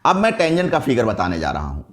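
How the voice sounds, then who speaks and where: Lively male physics teacher. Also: mid-range voice, fast. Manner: lively, questions the class and answers himself. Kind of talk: classroom lecture.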